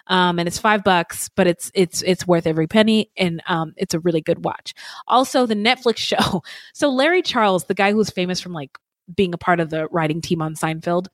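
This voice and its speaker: A woman's voice: on the low side, moderate pace, no echo. Chatty woman podcast co-host, dry sound. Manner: chatty, many fillers and restarts. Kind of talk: casual podcast chat.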